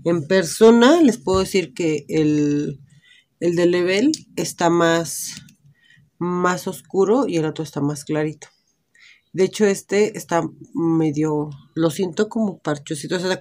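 A woman's fairly low, slightly mellow voice keeps a measured pace. She's a beauty vlogger with a Mexican Spanish accent, chatting casually and thinking aloud during a lipstick try-on indoors at home under natural light.

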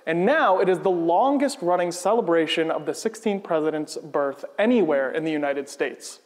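A man hosting a museum history program, giving scripted narration in a clear, measured presenter's delivery. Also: fairly high pitch, animated, no room sound.

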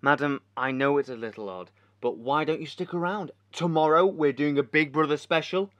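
A man playing a brash hotel owner who puts on a Scottish accent, loud, jolly and leering. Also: on the high side, normal speed, no echo, lo-fi sound, natural voice. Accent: put-on Scottish.

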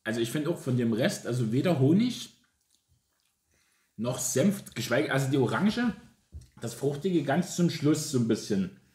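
A man's voice: medium pitch, very animated, normal speed, long pauses, a little mellow. A man, chatting casually as co-host of a tasting video. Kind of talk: casual chat. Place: domestic room indoors. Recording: roomy echo, clear background noise.

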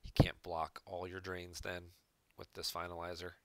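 A man's voice: low voice, monotone, moderate pace, a little mellow. A man commentating on a recorded card game match, explaining each play step by step from home. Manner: analytical, explains plays step by step. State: hiccups. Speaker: game reviewer. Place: home room.

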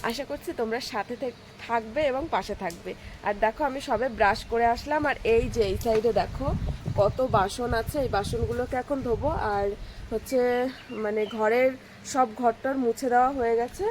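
A woman's voice: a little high, normal speed, a little mellow, slight background noise, low-quality recording. Chatty Bengali woman vlogging casually. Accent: West Bengal Bengali. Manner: chatty, addresses viewers as friends, many fillers. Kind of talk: casual daily-life vlog.

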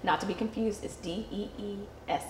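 A woman's voice: mid-range voice, steady tone, brisk, a little mellow. A young woman co-hosting a TV cooking show in a studio, bubbly and enthusiastic, laughing often, on a lapel mic. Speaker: co-host. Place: TV studio set with city backdrop.

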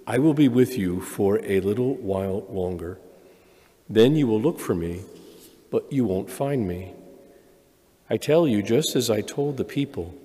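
A low-voiced man leads Mass as priest, reading scripture and then telling a simple story to the children. His mellow tone rings through a long cathedral echo that hangs in the large church. He speaks calmly and plainly. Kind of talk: Gospel reading and homily at Mass. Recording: long echoey church reverb.

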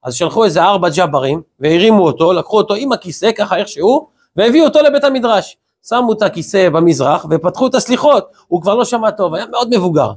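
A man's voice: high voice, animated, hardly any pauses, slightly rough. A male rabbi preaching a sermon to a congregation, firing off rhetorical questions and telling stories with quoted exchanges. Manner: acts out short quoted exchanges in storytelling.

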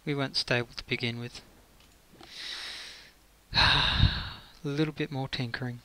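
Poor audio with faint hiss and clicking captures a gaming creator casually commenting and thinking aloud while he builds. He keeps a steady, sharp mid-range tone at a measured pace.

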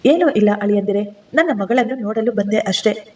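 A woman's voice: medium pitch, lively intonation, normal speed, darkish tone, recorded from a distance, natural voice. A woman voicing an anxious middle-aged mother who speaks in a hesitant, subdued way. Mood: uneasy.

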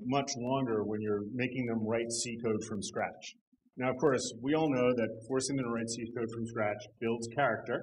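A middle-aged man presenting a technical talk at a conference, relaxed and conversational, with dry humor and frequent "um"s. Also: mid-range voice, a little hiss or hum, rough recording. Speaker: conference speaker. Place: conference hall.

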